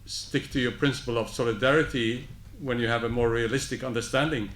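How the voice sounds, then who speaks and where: Older man, panelist, reflective, measured, roomy hall, audible background noise. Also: medium pitch, steady tone, fairly bright tone. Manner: reflective, measured, some restarts. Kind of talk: panel discussion reply.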